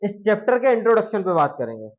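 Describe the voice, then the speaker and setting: A man's voice: high-pitched, sing-song, fast talker. A male law teacher giving a classroom lecture, chatty and jokey, often asking his students questions. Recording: dull lo-fi classroom recording.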